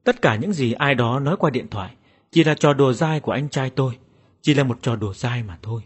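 Narrate this horror story with suspense, husky tone, let the pitch swing freely. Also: male voice, expressive, a little fast. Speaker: audiobook narrator.

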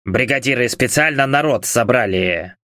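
Gruff sullen labourer voiced by a man, muttering, slow, dry close sound. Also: mid-range voice, lively intonation, bright, forceful tone, no echo. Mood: grumbling. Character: burly sullen male labourer, hurt.

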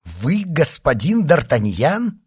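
A man's voice: on the high side, huge pitch swings, slow pace, husky, no echo, studio quality, voice pushed up, exaggerated voice. A man reading a story aloud and voicing a haughty nobleman who speaks in an imperious, commanding way. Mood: demanding. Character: haughty commanding male nobleman leading riders. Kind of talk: audiobook character reading.

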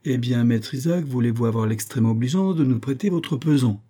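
A man voicing a patient male army captain who persuades calmly in a storybook reading. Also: mid-range voice, a little fast, voice pushed up, lightly acted. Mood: persuasive. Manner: courteous, persuasive.

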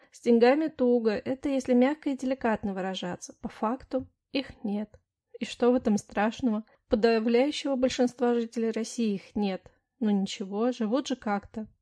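Warm, ironic woman narrating a story. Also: fairly high pitch. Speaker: audiobook narrator. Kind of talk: first-person audiobook narration.

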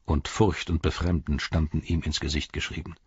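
A man narrating an audiobook in a calm, even reading. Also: extremely low pitch, normal speed, husky, dry recording, muffled recording. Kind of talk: scripted narration.

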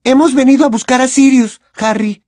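A man voicing a frightened, insistent teenage schoolgirl witch who talks in a shrill, tense, urgent way. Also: fairly even intonation, moderate pace, darkish tone, dry recording, studio quality.

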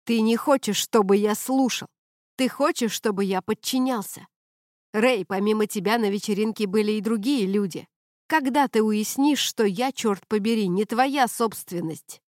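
A woman reading an audiobook, voicing an angry drunk young man who blusters and swears loudly. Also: medium pitch, moderate pace, no echo, studio quality, lightly acted.

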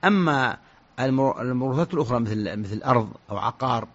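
A man's voice: mid-range voice, lively intonation. A man, an Islamic scholar, answers listener questions on the radio, often stopping and restarting his words. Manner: halting, many restarts and repeated syllables. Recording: dull lo-fi radio recording.

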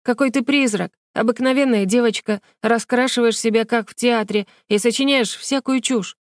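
Cheeky little storybook girl, mocking and quick to argue, woman putting her on, dry close sound. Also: fairly high pitch, dry recording, voice pushed up, natural voice. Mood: accusing. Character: bold, teasing young girl.

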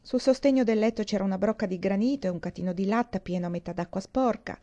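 An expressive female audiobook reader with a mellow, warm tone. She voices each child in the story with a raised pitch and drops back to a calm, even register for the narration. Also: fast, dull audio.

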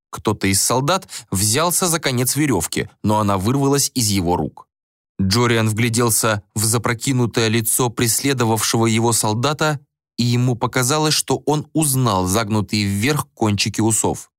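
A man narrating a fantasy novel as an audiobook, reading in an animated, expressive way. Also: mid-range voice, moderate pace, no echo, studio quality.

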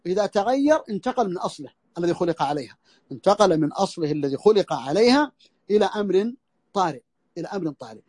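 A man's voice: sits high, very animated, fast talker, a little mellow, dry recording. A man teaching a classical Islamic law text in a recorded audio lesson, repeating phrases and restarting as he explains. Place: audio lesson over a social media voice room.

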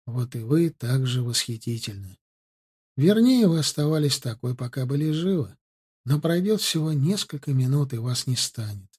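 Sinister gloating gentleman for an audiobook, slow and savoring, a male narrator doing it with a husky, mellow voice. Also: medium pitch, animated. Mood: cold, mocking. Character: cruel, gloating man relishing a young woman's death. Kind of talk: audiobook character reading.

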